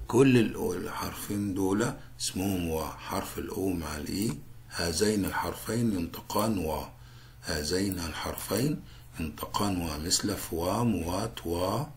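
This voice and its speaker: A man's voice: deep voice, slight background noise. A man with an Egyptian accent explaining a French lesson, repeating each word and then translating it. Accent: Egyptian Arabic. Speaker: French teacher.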